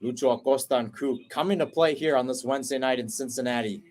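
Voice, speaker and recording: A man calls a soccer match as a radio play-by-play commentator, keeping a brisk, flowing rhythm through the passing and pausing between plays to explain tactics, sometimes correcting himself. His pitch shoots up sharply whenever a chance opens, and his tone is slightly mellow overall.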